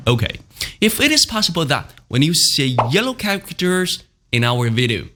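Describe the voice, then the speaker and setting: A man teaching a beginner language lesson, speaking slowly and having listeners repeat after him. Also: fairly high pitch, big pitch swings, background noise. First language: Mandarin Chinese. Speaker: Mandarin teacher and channel host.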